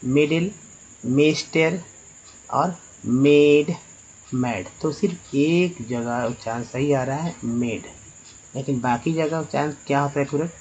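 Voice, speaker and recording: A man teaching English pronunciation as a spoken lesson. He spells words letter by letter, slowly and with many repeats. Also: medium pitch, a little mellow, husky, lo-fi sound.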